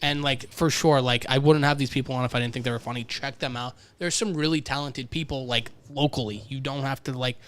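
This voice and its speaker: A man's voice: medium pitch, fairly even intonation, fairly quick, few pauses, a bit bright. A man hosting a casual podcast chat, talking in a loose, rambling way full of fillers. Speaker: podcast host.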